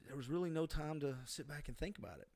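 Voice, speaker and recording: His voice a little high and darkish in tone, a middle-aged man talks at a quick pace on a casual podcast. He reflects conversationally on life lessons and offers advice.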